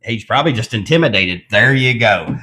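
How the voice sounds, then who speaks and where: A man co-hosting a casual chat who speaks haltingly, with many fillers and throat clearing. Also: mid-range voice, lively intonation, bright, forceful tone. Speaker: co-host.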